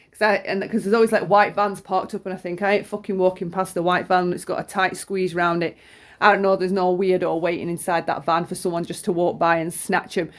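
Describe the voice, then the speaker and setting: A middle-aged woman, chesty with flu, gives an informal, opinionated monologue in a blunt, sweary, emphatic way, often repeating herself. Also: medium pitch. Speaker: true-crime commentator.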